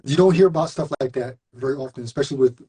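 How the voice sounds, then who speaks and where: A man hosting a podcast and interviewing a guest in a relaxed, encouraging way. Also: mid-range voice, rapid-fire, slightly rough, low-quality recording. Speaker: podcast host. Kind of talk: casual interview.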